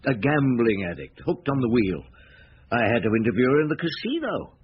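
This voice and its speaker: An actor playing a middle-aged, patient, ruminative police chief inspector in a radio drama. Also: male voice, medium pitch, big pitch swings, brisk, natural voice. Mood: pensive, dry. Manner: ruminative, murmuring hesitations. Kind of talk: radio drama acting, reflective recounting. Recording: muffled radio drama, background hiss.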